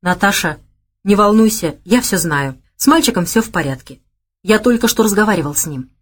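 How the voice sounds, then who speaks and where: A woman reading a calm, firm young man. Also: mid-range voice, a little fast, lightly acted. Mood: reassuring.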